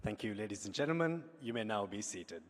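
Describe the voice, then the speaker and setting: A man's voice: lowish voice, expressive, a little fast. A man making a formal, scripted introduction as master of ceremonies. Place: large hall at a ceremony. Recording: echoey hall with long reverb.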